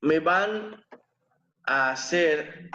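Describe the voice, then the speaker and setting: A man teaching an online literature class, explaining slowly and patiently, with fillers and self-corrections. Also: a little high, lively intonation, pushed and bright, highs cut off. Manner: slow, explanatory, counting syllables aloud with fillers and self-corrections. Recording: echoey room.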